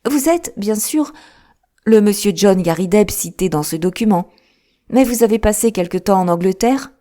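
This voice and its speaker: A woman voicing a sharp, composed male detective in an audiobook, with a lifted, emphatic delivery. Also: medium pitch, animated, moderate pace, pitched above the performer's own voice, close to an everyday voice. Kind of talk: audiobook character reading.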